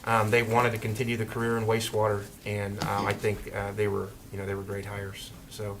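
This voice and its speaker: A man speaking informally and haltingly as a town official at a council meeting, rambling a little. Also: on the low side, completely flat delivery, a bit bright. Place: indoor council meeting room. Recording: noisy meeting room microphone.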